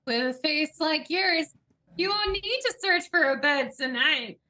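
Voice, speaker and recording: A woman voicing an awkward, smitten grown man, delivering lines in a hammy, drawn-out way. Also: high-pitched, lively intonation, bright, forceful tone, heavily acted, rough recording. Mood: flirting.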